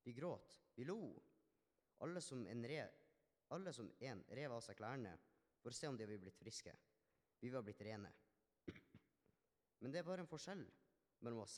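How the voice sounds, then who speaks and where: Playing the humble, grateful Samaritan leper, a man delivers an earnest, reflective first-person dramatic monologue, storytelling with small restarts, long pauses and a light touch of acting. His voice is animated and darkish, at an ordinary male pitch, and a long large-hall reverb trails after every phrase.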